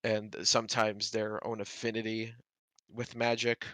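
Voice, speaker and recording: A male game master narrates a tabletop session, his voice low yet bright. He rambles through lore with plenty of fillers. The recording is dry and close. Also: completely flat delivery, unhurried, no room sound. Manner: rambling, filler-heavy explanations.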